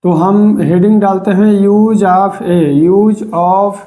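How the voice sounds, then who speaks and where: Slow, patient voice teaching a grammar lesson. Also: medium pitch, little pitch movement, dark tone. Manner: repeats words and checks in with the listener; stretches out key words.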